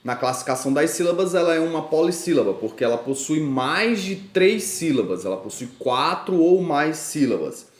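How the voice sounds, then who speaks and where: A man's voice: on the high side, animated, normal speed, few pauses, roomy sound. A man with a Brazilian Portuguese accent teaching a grammar lesson to schoolchildren, patiently drawing out and stressing syllables in his examples.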